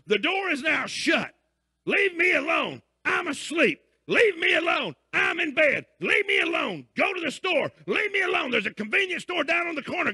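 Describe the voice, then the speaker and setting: A man voicing a grumpy, sleepy man who shouts refusals through a shut door. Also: very high-pitched, vocal fry, no room sound, studio quality, voice pushed up, exaggerated voice.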